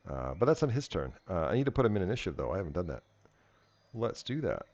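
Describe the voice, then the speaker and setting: A man's voice: deep voice, very animated, fast talker, a little mellow, highs cut off. A man acting as game master, casually narrating and working through rules in a tabletop game.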